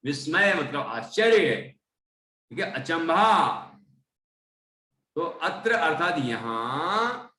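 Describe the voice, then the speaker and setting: Man slowly chanting and teaching verses. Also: a little high, sing-song, pushed and bright. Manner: chants verses slowly, then explains pronunciation and meaning; frequent "theek hai" checks with listeners. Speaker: Jain scripture teacher. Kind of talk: recitation and line-by-line teaching. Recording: echoey room, voice from a distance, faint background noise.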